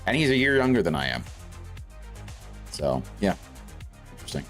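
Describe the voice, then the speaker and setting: A South African man streams a game, chatting casually and rambling as he thinks aloud while playing. His deep voice is very animated and moves at a moderate pace, with faint game music behind him.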